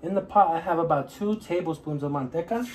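A man's voice: fairly high pitch, fairly quick, a little mellow. A man hosting a casual cooking tutorial at home, chatty and encouraging as he talks straight to viewers. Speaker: cooking channel host. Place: home kitchen. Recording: noisy kitchen with frying sounds. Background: food frying.

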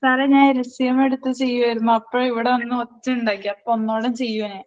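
Flat-toned student on a muffled call. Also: medium pitch, fast talker.

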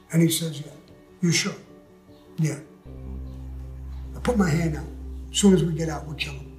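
An older man, telling his story bluntly and profanely in a recorded interview. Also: a little high. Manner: blunt, profane, tough-talking. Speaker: interview guest. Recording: roomy echo with faint music.

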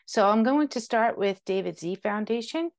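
A woman's voice: a little high, lively intonation, normal speed, a little mellow. A woman in her forties, founder of a studio, giving an upbeat, grateful scripted introduction on a video call through wired earbuds. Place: home room with a virtual background.

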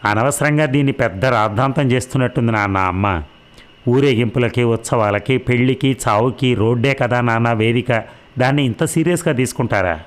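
A man's voice: mid-range voice, brisk, lightly acted. A man voicing a level-headed grown son in a read-aloud novel, arguing in a reasonable, mildly incredulous way. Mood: reasoning.

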